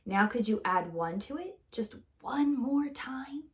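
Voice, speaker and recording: A woman plays preschool teacher, reading a children's picture book aloud in an expressive, theatrical, sing-song way. Her voice is a little high and she takes it slowly.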